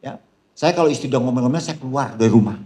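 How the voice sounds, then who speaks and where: A man preaching at a seminar in a lively, animated style, calling out to the crowd and shouting some punchlines. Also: mid-range voice, fast talker. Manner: addresses the crowd as "Saudara", calls out "haleluya". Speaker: pastor. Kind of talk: seminar sermon.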